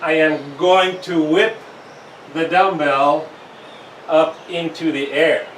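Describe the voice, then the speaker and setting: A male fitness instructor walks through a workout in slow, careful steps, a little winded between sets. His voice sits a bit high for a man. The sound comes from a camera mic some distance away in an echoey room. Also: fairly even intonation, a bit bright, slight background noise. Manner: slow, step-by-step explaining. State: slightly winded.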